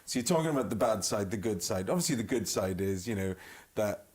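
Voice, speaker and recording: A man's voice: lowish voice, animated, quick pace, darkish tone. A man with a Welsh accent, a singer guesting on a chat show, telling stories with lots of laughter. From Wales. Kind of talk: anecdotal chat show storytelling.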